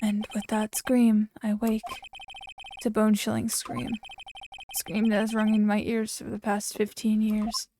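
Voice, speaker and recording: A woman voicing a composed young male prosecutor haunted by guilt, reading game lines in a quiet, low-key confessional way. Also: completely flat delivery, measured pace, a little hiss or hum, natural voice. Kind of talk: reading game dialogue aloud.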